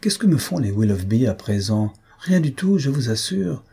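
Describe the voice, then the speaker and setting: A man voicing a chatty, self-important older woman who gossips and exclaims excitedly in a storybook reading. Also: mid-range voice, moderate pace, vocal fry, slightly rough, exaggerated voice. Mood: gossipy.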